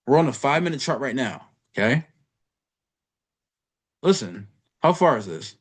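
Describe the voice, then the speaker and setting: A man's voice: mid-range voice, sing-song, normal speed, husky. Blunt, profane man teaching trading. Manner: blunt, profane, streetwise slang, addresses viewer as bro. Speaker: trading educator. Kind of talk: casual screen-share trading lesson.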